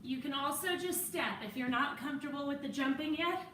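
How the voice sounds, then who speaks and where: A woman's voice: high voice, a little fast, bright, forceful tone, roomy sound, far from the mic, a little hiss or hum. A woman fitness instructor coaching a workout while exercising alongside, encouraging and a little winded.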